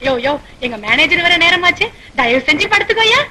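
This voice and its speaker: A woman's voice: very high voice, sing-song, fairly quick, bright, forceful tone, a little hiss or hum, heavily acted. An actress playing a scheming female employee in a film comedy, putting on melodramatic weeping. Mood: flustered. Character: scheming young female employee faking grief. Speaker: office employee. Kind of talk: Tamil film comedy dialogue.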